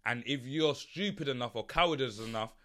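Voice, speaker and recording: A man's voice: mid-range voice, fairly quick, sharp tone. A man with an urban London roadman accent, hosting a casual podcast in street slang and often repeating phrases to push his point. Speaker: podcast host.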